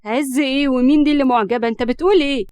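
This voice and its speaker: A woman's voice: high voice, very fast, darkish tone, clean tone, no room sound, natural voice. A woman with an Egyptian accent voicing a proud, defiant young student who answers back tensely.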